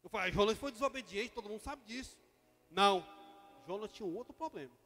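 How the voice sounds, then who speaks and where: High-voiced Brazilian pastor preaching with passion. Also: male voice, lively intonation, quick pace, long reverb tail, soft background music. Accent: Brazilian Portuguese. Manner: impassioned preaching, swings from loud to quiet. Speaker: vice-pastor. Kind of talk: sermon.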